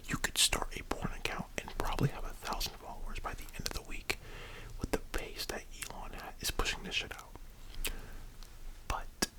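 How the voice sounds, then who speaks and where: A young man giving a casual, musing ASMR monologue in a soft, breathy library whisper, with halting delivery. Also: poor audio. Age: young adult. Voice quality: hushed, breathy unvoiced whisper. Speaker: ASMR video host.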